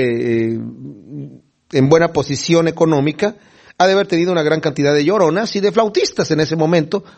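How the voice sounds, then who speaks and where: A man preaching a sermon, retelling scenes with animated storytelling and small acted-out voices. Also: high voice.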